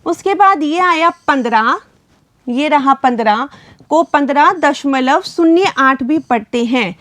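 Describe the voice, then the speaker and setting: Slow, high-voiced woman teaching children. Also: animated, a bit bright, dry recording. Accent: Rajasthani Hindi. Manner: patient, addresses children repeatedly. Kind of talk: primary school math lesson.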